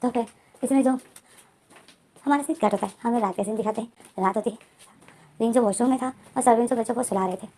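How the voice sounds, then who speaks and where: A woman's voice: fairly high pitch, fast talker, pauses often, dark tone. A woman casually retelling a romance story, narrating the plot and speaking the characters' lines in her own voice. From India.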